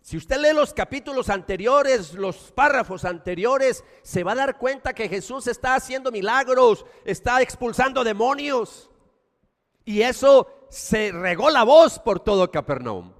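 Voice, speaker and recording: Animated Paisa pastor preaching in a hall. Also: male voice, very high-pitched, measured pace. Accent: Colombian Paisa. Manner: animated preaching, swings from loud emphasis to quiet asides. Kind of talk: sermon.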